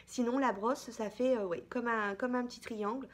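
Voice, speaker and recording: Woman vlogger, fairly high voice, chatty, hesitant, lots of fillers, casual haul talk. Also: steady tone, moderate pace. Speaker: beauty vlogger. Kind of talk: casual product haul chat.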